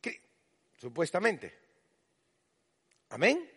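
A male preacher giving an animated sermon in a church, acting out the people he quotes. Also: sits high, very slow, slightly rough. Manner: animated, acts out quoted voices. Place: church hall. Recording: long reverb in a church hall.

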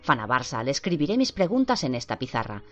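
Un médico cortante y mandón, en boca de una mujer de voz baja. La grabación es sorda, de baja fidelidad. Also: female voice, a bass voice, sing-song, fast. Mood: clinical. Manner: curt, commanding. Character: cold, authoritarian male doctor. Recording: dull lo-fi with faint music.

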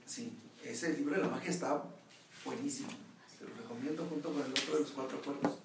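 A man's voice: mid-range voice, brisk, creaky, heavy background noise. A man with a Mexican accent leading a group session, making emphatic points and checking that everyone understands. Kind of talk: instructive group talk. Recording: echoey room, far from the mic.

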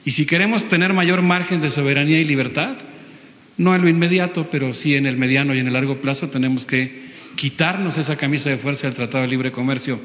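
A man's voice: medium pitch, fast talker. Mexican man reporter, formal questions. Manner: long, formal, argued questions. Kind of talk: press conference question. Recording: echoey, dull lo-fi hall.

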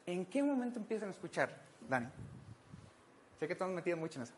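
Lively Mexican woman preaching playfully. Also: lowish voice, fast talker, slight background noise. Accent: Mexican Spanish. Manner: playful, jokey, acts out little scenes. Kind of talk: conversational sermon.

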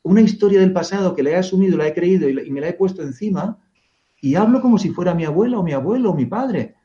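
Mellow-voiced male coach. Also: high-pitched, fast talker, lo-fi sound. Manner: calm, reflective, explaining with rhetorical questions. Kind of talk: radio interview guest.

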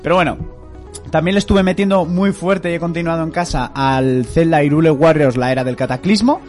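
A man chatting casually with friends, telling lively stories and swearing freely. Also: fairly high pitch, brisk, faint music behind. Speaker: podcast co-host. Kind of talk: casual chat among friends about video games.

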